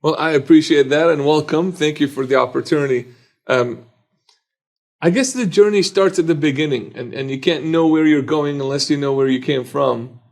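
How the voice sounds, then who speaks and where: A man in his forties from Iraq, a personal injury attorney telling his life story as a podcast guest in an earnest, measured way. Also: a little high, gravelly, darkish tone.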